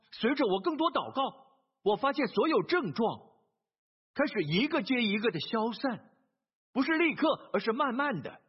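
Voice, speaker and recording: A man's voice: sits high, husky. A man preaching a sermon, telling a story earnestly, with hesitant fillers and repeated phrases. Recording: dull lo-fi sermon recording.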